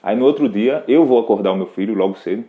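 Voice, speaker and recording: A man's voice: lowish voice, fast. Brazilian guy on a live q&a, patient and practical, kinda dull lo-fi stream sound. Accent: Brazilian Portuguese. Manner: explains directly to a parent, patient and practical. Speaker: host answering parenting questions. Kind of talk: live Q&A advice talk.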